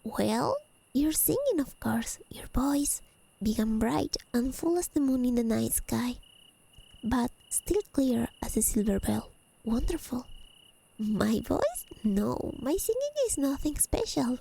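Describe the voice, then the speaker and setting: Slow and sing-song, a woman's high, mellow voice with a creaky edge voices a haughty fae lady of the high realms in heavily acted, soft-spoken ASMR roleplay. She is flirtatious, admiring, teasing and possessive, with elegant, formal phrasing. Crickets chirp in the background of a rough recording.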